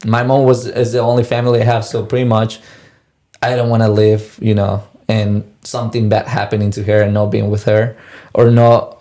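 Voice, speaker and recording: A man's voice: on the low side, warm tone. Young man. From Mexico. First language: Spanish. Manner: halting, restarts and repeats words. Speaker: guest. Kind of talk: casual personal storytelling.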